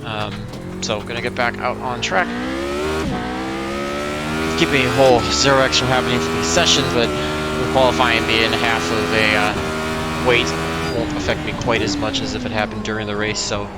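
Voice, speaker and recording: A man's voice: fairly low pitch, flat delivery, moderate pace, gravelly. A man giving casual, rambling, self-deprecating commentary as he drives in a racing game. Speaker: sim racing video host. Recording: loud car engine noise behind voice. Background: racing game engine noise.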